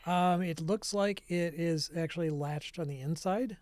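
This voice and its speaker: A man narrating a tabletop game as game master, describing scenes in a relaxed, thinking-aloud way. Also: fairly high pitch, a little slow.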